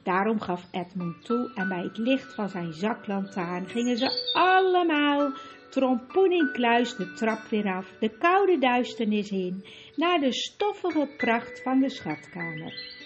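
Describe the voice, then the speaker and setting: A woman's voice: a little high, animated, takes it slowly, highs cut off, over music. A woman narrating a children's fantasy story in an audiobook. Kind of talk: scripted narration.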